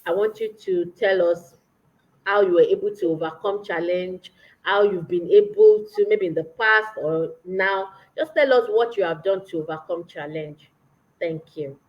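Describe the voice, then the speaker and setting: A woman's voice: fairly low pitch, normal speed, lo-fi sound. A woman from Nigeria, hosting a live online show in an upbeat, welcoming way. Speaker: host.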